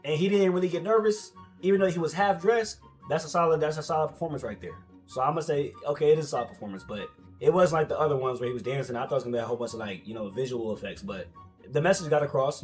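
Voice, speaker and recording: A young American man reacts to online posts in a slightly high voice, talking very quickly. His delivery is casual and slangy, argumentative and repetitive, as he keeps pressing his point. Music plays behind him. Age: young adult. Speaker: commentator reacting to social media posts.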